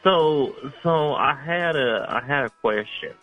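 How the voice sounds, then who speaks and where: Hesitant male caller heard over the phone, slow, slightly high voice. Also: faint music behind. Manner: hesitant, stammering with fillers. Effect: heard over a phone line. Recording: tinny phone line.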